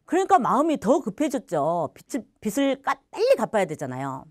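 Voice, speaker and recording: A middle-aged woman, a former missionary, giving a personal faith testimony in an animated storytelling manner, often laughing and acting out what people said. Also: a little high, brisk, no room sound, studio quality.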